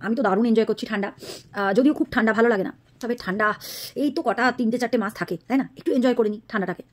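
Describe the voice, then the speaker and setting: Woman vlogger with a high voice, scolding and mocking a rival straight to camera. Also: very fast. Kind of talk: angry direct-to-camera rant.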